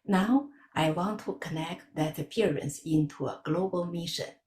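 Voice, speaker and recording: A woman from China giving a prepared campaign speech in a measured, earnest way. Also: on the low side, darkish tone, echoey room, slight background noise. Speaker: election candidate.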